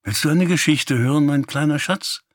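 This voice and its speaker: A man voicing a tired mother who works in a mine, soft and caring with a little sternness, in dry audiobook narration. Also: on the high side, moderate pace, dry recording, voice pushed up, natural voice. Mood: tender. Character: weary, gentle mother working in a mine.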